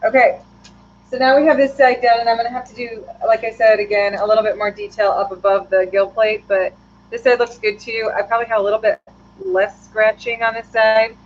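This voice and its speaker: A woman hosting a live painting tutorial, thinking aloud in a relaxed, chatty way with frequent ums and answering viewer questions. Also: on the high side, a little fast, dull audio, slight background noise. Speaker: custom lure painter hosting a live stream.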